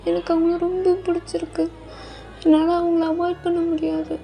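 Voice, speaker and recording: A woman voicing a heartbroken young man who pleads through tears in slow, drawn-out words. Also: very high-pitched, little pitch movement, creaky, dark tone, soft background music, voice pushed up. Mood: tearful pleading.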